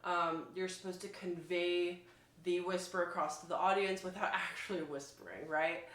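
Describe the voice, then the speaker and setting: A woman violinist reviews an instrument in a casual, enthusiastic, emphatic demonstration, explaining as she goes. Her voice sits on the low side and is fairly bright, with fairly even intonation and a moderate pace. The recording sounds roomy and echoing.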